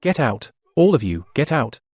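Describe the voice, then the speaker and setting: A man's voice: medium pitch, sing-song, moderate pace, a little mellow, no room sound. A man playing a volatile, imperious emperor in a dubbed period drama, demanding and explosive. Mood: incredulous, furious. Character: volatile, imperious male emperor losing his grip.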